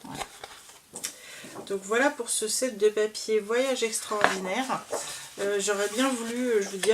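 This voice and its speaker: A woman's voice: medium pitch, slight background noise. A woman chatting casually and enthusiastically as she shows off scrapbooking papers, with lots of fillers. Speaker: crafting vlogger.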